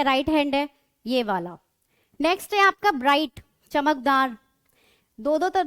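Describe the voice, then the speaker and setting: A woman's voice: high-pitched, a bit bright, dry recording, studio quality. A woman teaching English grammar in a classroom lecture, explaining patiently and often checking that students follow.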